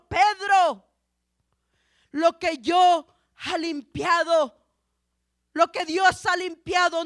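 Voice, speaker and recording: A woman preaching a fervent sermon in church. She calls out "hermanos" and "aleluya" again and again and rises to shouts on the key points. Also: very high-pitched, no room sound, clean studio sound. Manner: fervent, drawn-out delivery, peppered with "hermanos" and "aleluya".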